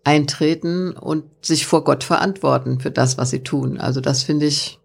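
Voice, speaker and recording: A woman's voice: low-pitched, normal speed, creaky, slightly rough. A woman talking earnestly as an interview guest, telling stories with frequent fillers. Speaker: guest, author of children's Bible stories. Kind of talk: conversational interview.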